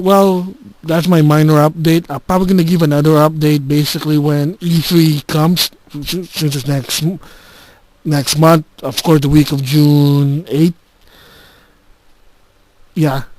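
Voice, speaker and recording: A man's voice: a little high, a little mellow, no room sound, poor audio. Man on a handheld dictaphone-style recording. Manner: halting, with frequent restarts and filler words. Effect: recorded on a handheld game console's voice recorder, dictaphone-like. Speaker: gaming channel host. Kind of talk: casual spoken update. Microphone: handheld game console's built-in recorder.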